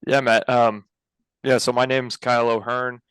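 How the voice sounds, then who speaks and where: A man's voice: medium pitch, normal speed, clean tone, no echo, low-quality recording. A young man from Colorado, an engineering firm co-founder, answering interview questions casually over a headset on a video call, with lots of fillers and restarts. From Colorado, USA. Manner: relaxed, many fillers and restarts. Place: home office, indoors. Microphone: headset mic on video call.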